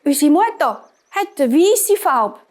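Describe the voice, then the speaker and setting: Woman putting on squeaky little goat kids, Swiss German accent, high and loud. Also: sing-song, slow pace, heavily acted. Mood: alarmed.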